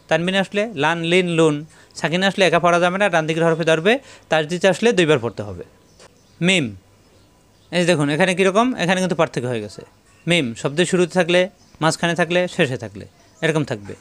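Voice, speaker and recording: A man teaching Arabic letters in a step-by-step lesson, repeating syllables slowly in drills. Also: fairly high pitch, a bit bright. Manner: repeats syllables in slow drills and tells viewers to take note. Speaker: Quran reading teacher.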